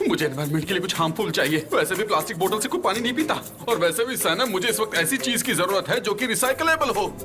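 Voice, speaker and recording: A man's voice: high-pitched, lively intonation, quick pace, few pauses. An actor dubbing a panicky young man who frets over his job, talking in a frantic, rambling way, with music behind him. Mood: flustered. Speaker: anxious office worker. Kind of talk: Hindi dub of a TV drama.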